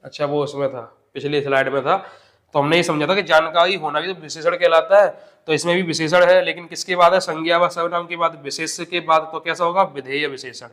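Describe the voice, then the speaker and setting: A man's voice: fairly high pitch, steady tone, a little fast, fairly bright tone. A man teaching an exam-prep grammar lesson step by step, asking questions and answering them himself.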